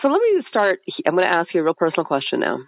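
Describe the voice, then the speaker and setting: A woman's voice: lowish voice, huge pitch swings, rapid-fire, gravelly, no echo. A woman hosting a podcast, asking questions in a curious, enthusiastic, casual interview manner. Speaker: podcast host. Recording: tinny phone-like line, dry.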